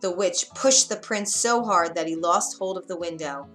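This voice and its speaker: A woman narrating a fairy tale aloud in a clear, measured storybook reading. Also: fairly low pitch, a bit bright, faint music behind.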